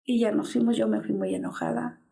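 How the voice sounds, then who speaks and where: A woman's voice: fairly high pitch, huge pitch swings, fairly quick, creaky, warm tone. A woman in her fifties with a Mexican Spanish accent, giving an interview as the mother of a missing man and telling an anguished story that acts out the dialogue. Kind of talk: personal testimony in an interview.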